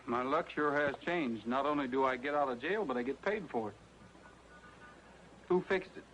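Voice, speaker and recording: An actor playing a steady, honest young cowboy hero who speaks in a plain, even way in an old western film. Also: male voice, medium pitch, normal speed, a little hiss or hum, close to an everyday voice, poor audio. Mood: wry.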